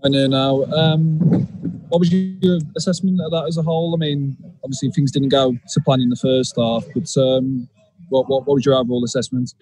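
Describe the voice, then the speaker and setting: A male sports journalist puts questions to a manager in a mellow, relaxed voice. His phrasing is casual and a little hesitant. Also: mid-range voice, moderate pace, slightly rough, dry recording, poor audio. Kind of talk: press conference questions.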